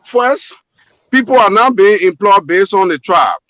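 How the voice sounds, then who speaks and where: A man's voice: sits high, lively intonation, a little slow, a bit bright, dry recording, highs cut off. A Liberian man, a port manager guest on a call-in show, speaking earnestly with many repeats and restarts. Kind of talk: call-in radio interview.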